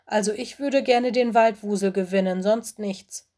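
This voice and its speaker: A woman's voice: mid-range voice, fairly even intonation, normal speed, mellow, natural voice. A woman voicing a sulky, stubborn young female forest animal. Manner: dismissive, sulky.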